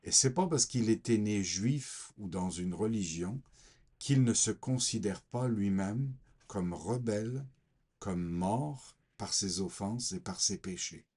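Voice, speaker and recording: A man from Portugal giving a hesitant personal faith testimony with scripture reading, pausing often with fillers. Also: lowish voice, animated, dark tone, breathy edge. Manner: slow, hesitant, many fillers.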